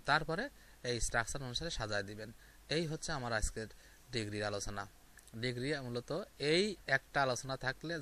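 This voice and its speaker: A man's voice: medium pitch, pushed and bright. A man teaching an English grammar lesson, explaining step by step with repeated examples and hesitant fillers.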